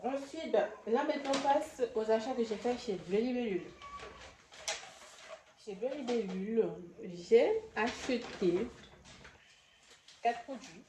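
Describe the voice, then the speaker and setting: A woman's voice: medium pitch, darkish tone. A woman who is a beauty vlogger and makeup artist, chatting casually through a product haul with a French accent, hesitating and stumbling over product names. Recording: echoey room, faint background noise.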